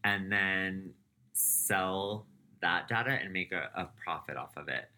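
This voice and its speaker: A man's voice: sits low, slow, pushed and bright. A man co-hosting a podcast, recounting celebrity gossip in casual chat, laughing and saying "um" as he goes. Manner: laughs while telling, trails off with "um". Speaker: podcast co-host.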